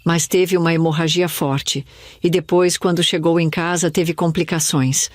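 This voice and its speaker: An older woman from Brazil telling a sad childhood memory in first person, in a slow, somber storytelling manner. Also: lowish voice, fairly even intonation, no room sound. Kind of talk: scripted first-person narration.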